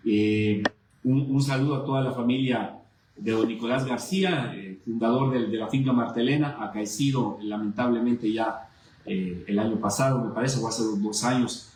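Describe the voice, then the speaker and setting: A man's voice: mid-range voice, fairly even intonation, moderate pace, a little mellow. A man talks through his memories, looping back on words as he hunts for them. He sits in a roomy, echoing space with a faint background hiss. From Veracruz, Mexico. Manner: reminiscent, repeats words while searching for them. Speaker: poet and guest. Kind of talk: conversational interview, poetry recital.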